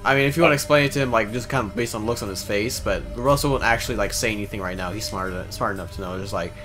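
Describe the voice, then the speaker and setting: A man chatting as a player in an online tabletop game, halting and repeating words as he talks. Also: lowish voice, loud music behind the voice. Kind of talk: casual tabletop game chat.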